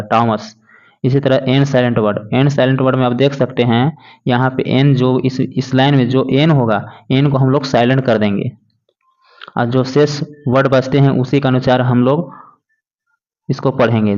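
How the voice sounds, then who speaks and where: A man teaching a lesson, slowly and patiently spelling out words letter by letter. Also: mid-range voice, darkish tone. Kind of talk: classroom lesson explaining English words in Hindi. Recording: dull lo-fi recording.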